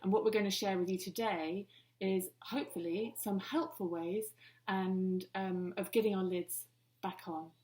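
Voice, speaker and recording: A woman leads a guided wellbeing lesson at a mid-range pitch. She speaks calmly and eases her pace whenever she talks the listener through breathing steps. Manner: calm, slows down for breathing cues. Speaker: wellbeing workshop host.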